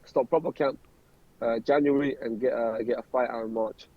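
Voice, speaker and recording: A man's voice: medium pitch, steady tone, normal speed, dry recording, muffled recording. A man, a professional boxer chatting casually in an interview, rambling and repeating words as he starts sentences. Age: 20s.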